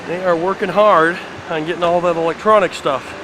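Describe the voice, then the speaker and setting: A fairly high-voiced man talks excitedly while walking around an outdoor construction site, rambling and filling pauses with "uh". His voice is caught by a handheld camera, with faint traffic noise outside. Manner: enthusiastic, rambling with fillers. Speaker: fan site video host. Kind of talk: casual walking site tour.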